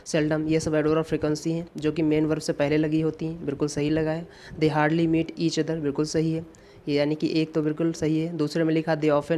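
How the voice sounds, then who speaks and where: A man's voice: on the high side, a little mellow. A male English teacher walks through exam questions in a mix of Hindi and English. He stops often to repeat and spell out key words. A faint hiss sits under his voice. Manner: explains in Hindi mixed with English, repeats points. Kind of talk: exam-prep grammar lesson. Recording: faint background noise.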